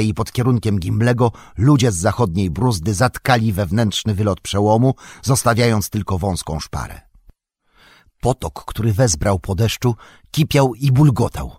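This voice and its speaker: Low husky male audiobook narrator. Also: a little mellow, no echo, clean studio sound. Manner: measured, dramatic reading. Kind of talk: scripted narration of a fantasy novel.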